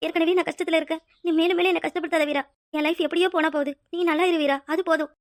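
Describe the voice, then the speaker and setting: A woman's voice: very high voice, little pitch movement, rapid-fire, dry recording, studio quality. A woman voicing a heartbroken, abandoned pregnant young woman in a cartoon drama. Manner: pleading, tearful. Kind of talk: cartoon voice acting.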